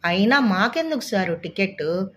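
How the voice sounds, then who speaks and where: A woman's voice: medium pitch, very animated, normal speed, fairly bright tone, a little hiss or hum. A woman voicing a humble, pleading poor village man from the countryside, who speaks deferentially.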